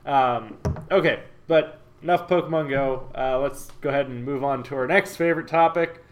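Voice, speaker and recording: A man's voice: mid-range voice, steady tone, moderate pace. A young man hosting a casual podcast chat, joking and steering the topics. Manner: chatty, joking, shifts topics. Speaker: podcast host.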